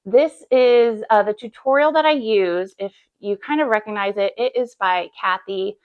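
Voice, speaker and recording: A woman's voice: mid-range voice, moderate pace, clean tone, muffled recording. Bubbly chatty woman vlogger. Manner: bubbly, chatty, filler-heavy. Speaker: cross stitch vlogger. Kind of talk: casual chat to camera.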